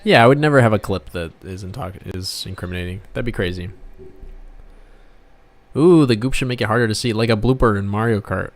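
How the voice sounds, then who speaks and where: This livestream host is a game developer who sketches and trades banter and jokes with his audience. He talks briskly in a lowish voice with no echo, over background music.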